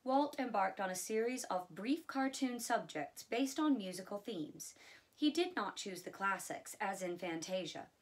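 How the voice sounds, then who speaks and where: A woman reads a biography aloud at an easy pace, now and then adding casual asides of her own. Her voice sits at a medium pitch. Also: a little slow. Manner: relaxed, with chatty asides. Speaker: audiobook reader.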